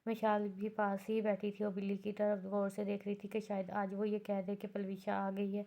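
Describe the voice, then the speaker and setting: A woman reading a novel aloud in a steady, unhurried storytelling manner. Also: mid-range voice, gravelly. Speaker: novel reader. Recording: dull lo-fi audio.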